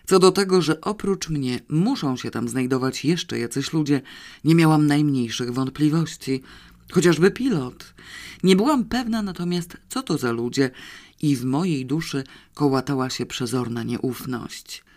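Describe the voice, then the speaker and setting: A man reads a novel aloud in the first person, measured and expressive. His voice sits a little higher than most men's. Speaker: audiobook narrator. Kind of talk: scripted first-person narration.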